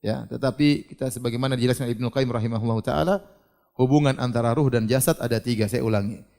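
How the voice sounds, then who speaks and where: A man giving a religious lecture, animated and questioning, who asks his audience questions and acts out scenes. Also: mid-range voice, fast talker, vocal fry. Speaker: preacher.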